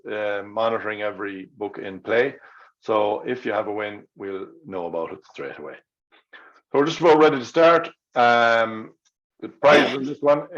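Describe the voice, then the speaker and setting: An Irish man hosting online bingo as the caller, reading out numbers digit by digit and then in full, with traditional calls. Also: lowish voice. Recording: dull, lo-fi sound.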